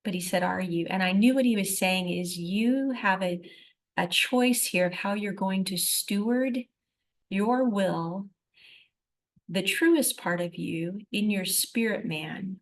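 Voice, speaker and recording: Woman minister, mid-pitch, conversational testimony, earnest and reflective, loose with fillers. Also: takes it slowly. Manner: storytelling with frequent "you know" and "uh" fillers; earnest and reflective, with sudden rises in loudness.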